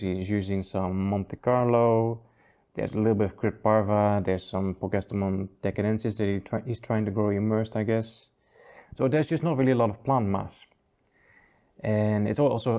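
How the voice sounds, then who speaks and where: Hosting a laid-back review show, this aquascaping channel host has a dark-toned voice on the low side. He stays easygoing throughout, frequently chuckling, letting sentences trail off and then restarting them.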